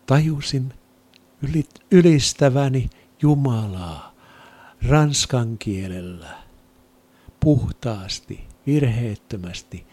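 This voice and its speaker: A man giving an earnest, reflective spoken testimony of faith, sometimes dropping to a soft near-whisper. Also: mid-range voice, expressive, no echo. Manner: earnest, reflective storytelling with quoted inner thoughts.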